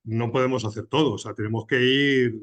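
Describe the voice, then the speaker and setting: A man's voice: medium pitch, fairly even intonation, a little fast, a bit bright. A man hosting a business podcast, asking questions in a conversational way and rephrasing them as he talks. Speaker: podcast host. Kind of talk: interview questions, casual chat.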